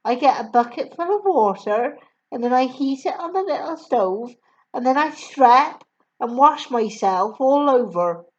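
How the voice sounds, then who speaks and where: A woman voicing a kind, gentle schoolteacher in a storybook reading. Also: sits high, expressive, a little slow, muffled recording, pitched above the performer's own voice. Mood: matter-of-fact.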